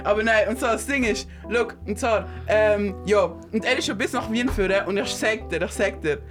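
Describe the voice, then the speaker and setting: A young woman co-hosts a loose radio chat, talking in excitable bursts and often breaking into laughter. She mixes English slang into her speech. Music plays clearly behind her. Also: medium pitch, normal speed. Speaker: radio show co-host.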